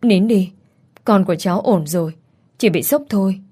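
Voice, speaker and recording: A woman's voice: medium pitch, moderate pace, mellow, breathy edge, lightly acted. A woman voicing a frightened older mother who anxiously begs her son in an audio story. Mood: gentle. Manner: pleading, anxious.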